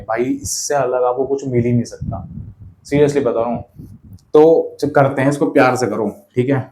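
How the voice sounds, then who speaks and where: A man's voice: mid-range voice, darkish tone, a little hiss or hum. A young male teacher giving a whiteboard lesson, firing rhetorical questions and having students repeat key terms after him.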